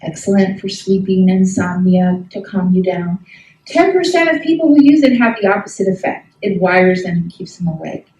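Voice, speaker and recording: A middle-aged woman teaches a class in an emphatic, folksy way and keeps asking her listeners questions. Her voice is soft and mellow. She sounds a little distant from the mic, in a room with plenty of echo. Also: medium pitch, big pitch swings, moderate pace. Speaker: health ministry instructor.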